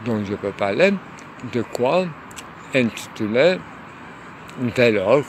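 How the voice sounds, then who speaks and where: A man musing aloud in a rambling monologue, hesitant and full of pauses and fillers, outdoors near a tunnel. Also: medium pitch, animated. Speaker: lecturer. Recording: loud traffic noise behind.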